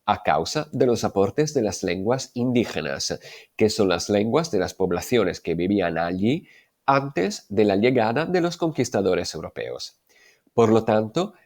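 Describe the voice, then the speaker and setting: A man giving a Spanish language lesson, explaining clearly and methodically and slowing down to sound out his examples. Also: lowish voice, darkish tone. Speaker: Spanish teacher.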